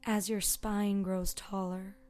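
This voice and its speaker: A yoga teacher leads a guided meditation in a mid-range voice with little pitch movement. She speaks softly and soothingly, leaving long pauses and sometimes trailing into a breathy whisper, while soft meditation music with singing bowl tones plays.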